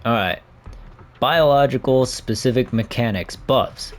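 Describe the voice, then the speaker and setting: A man's voice: medium pitch, unhurried. Man reading a game story aloud. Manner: plain reading voice with small slips. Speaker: game player narrating.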